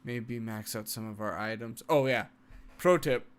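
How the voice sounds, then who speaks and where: A man's voice: mid-range voice, a little slow, a little hiss or hum. A man giving casual late-night commentary while playing a video game, rambling and often restarting his sentences. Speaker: game streamer.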